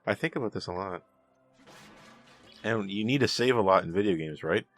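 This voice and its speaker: Bright, low-pitched man riffing over games. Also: animated, moderate pace, faint music behind. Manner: rambling, jokey riffing. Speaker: co-commentator on a game playthrough. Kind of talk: casual joking chat over a video game.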